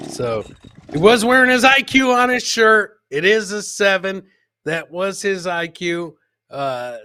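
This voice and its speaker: A man with a sharp-toned voice on the high side hosts a live comedy clip show, joking around casually with his co-host and the chat, addressing both by nickname. The recording is dry.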